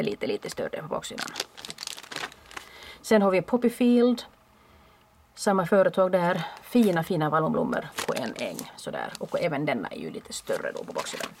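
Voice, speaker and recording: A woman who runs a craft shop, chatting casually and warmly as she shows off new stock at home. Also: fairly low pitch, slight background noise. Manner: chatty and friendly, with small restarts. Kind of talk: casual product show-and-tell.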